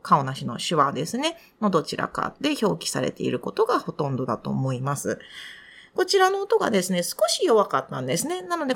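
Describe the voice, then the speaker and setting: A young adult woman giving polite, patient pronunciation feedback to a student, explaining sounds step by step. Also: creaky. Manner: polite, patient, explanatory, lively rises in pitch. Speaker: English pronunciation tutor. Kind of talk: recorded feedback on a student's reading.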